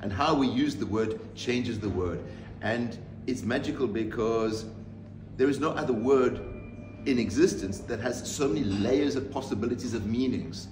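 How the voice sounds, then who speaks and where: A man in his fifties from South Africa, an artist answering interview questions in a measured, reflective way with pauses and restarts. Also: medium pitch. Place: room with bookshelves, seated in leather armchair. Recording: roomy, distant mic, audible background noise.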